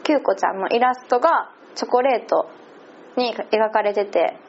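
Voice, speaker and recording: A woman with a Kansai accent talks in a relaxed, chatty way, laughing often between phrases. Her voice sits a little high. The recording sounds slightly muffled and lo-fi. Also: moderate pace, slight background noise. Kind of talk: casual spoken recap.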